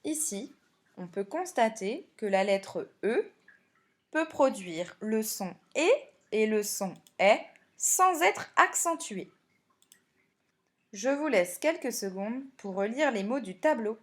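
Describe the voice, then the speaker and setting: A woman teacher records a spelling lesson for young pupils. Her voice sits a little high and her pace is unhurried, with every word laid out clearly. She speaks straight to the children as she explains. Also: very animated. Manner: slow, clear classroom explanation, addressing pupils directly. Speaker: primary school teacher.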